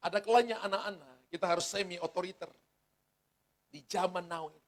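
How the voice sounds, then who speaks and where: High-voiced storytelling pastor. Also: male voice, a little fast. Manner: storytelling, acts out quoted dialogue. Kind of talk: sermon.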